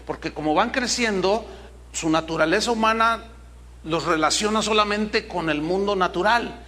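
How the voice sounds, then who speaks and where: A man's voice: sits high, moderate pace, pushed and bright. A middle-aged man preaching a sermon as pastor, emphatic and full of rhetorical questions.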